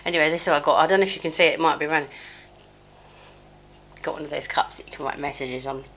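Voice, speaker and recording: A low, somewhat bright voice speaks fast over a little hiss or hum. It belongs to a middle-aged beauty vlogger with a cold, slightly chesty, doing her makeup at home in a rambling get-ready-with-me chat that's chatty, scattered, self-mocking, and full of fillers. A small mic clipped near her is sometimes covered.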